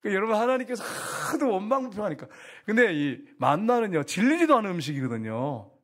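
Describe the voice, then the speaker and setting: A man preaching a sermon as pastor, lively and chatty, teasing the congregation with questions. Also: high-pitched, brisk.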